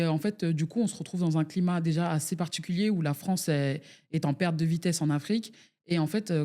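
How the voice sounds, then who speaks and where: Hesitant woman activist, mellow voice. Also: low-pitched. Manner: hesitant, many fillers. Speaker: ecologist activist, debate guest. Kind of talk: political debate.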